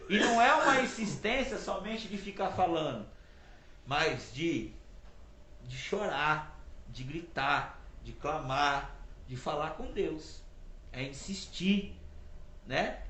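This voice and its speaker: Male preacher, higher voice, chatty and emphatic, roomy reverberant recording. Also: a bit bright, slight background noise. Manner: conversational, repetitive, emphatic preaching. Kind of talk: informal sermon. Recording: roomy echo.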